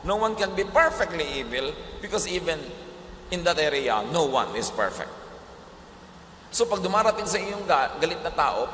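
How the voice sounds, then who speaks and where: A man's voice: medium pitch, fairly bright tone, a little hiss or hum. A man preaching a motivational message, emphatic and full of rhetorical questions. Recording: echoey hall, long reverb, faint ambience.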